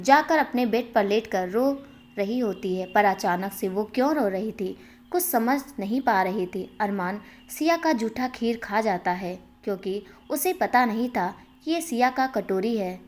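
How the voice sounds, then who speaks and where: A woman reading aloud a family love story in a plain, steady narrating voice. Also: mid-range voice, unhurried.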